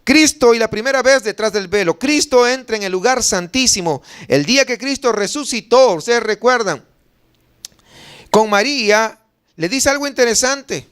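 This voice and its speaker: Male pastor, high and smooth voice, preaching in church and reading scripture aloud. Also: expressive, moderate pace, fairly bright tone. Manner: explains scripture to the congregation, reading verses aloud; asks the congregation questions. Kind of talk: sermon.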